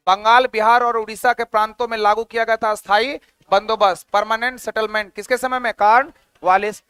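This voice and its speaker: A man's voice: high-pitched, pushed and bright, smooth, no echo. A male teacher giving an exam-prep history lecture, asking questions and repeating the answers.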